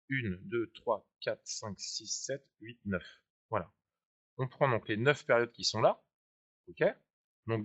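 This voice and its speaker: A man leads a live webinar tutorial, talking in a chatty, explanatory way and checking that viewers follow along. His voice sits at an ordinary middle pitch. The sound is dull and lo-fi. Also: a bit bright. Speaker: trading software trainer.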